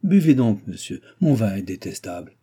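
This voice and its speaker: A man voicing a grumbling old aristocratic baron who blusters and mocks, with loud outbursts, in an audiobook. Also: lowish voice, sing-song, normal speed, husky, heavily acted. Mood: blustering. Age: older. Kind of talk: audiobook character voice.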